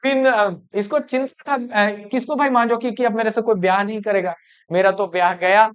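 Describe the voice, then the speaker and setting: A man's voice: high voice, fairly even intonation, normal speed, smooth, dull audio. A man teaching a folk story to students. He explains it line by line and keeps checking that they follow.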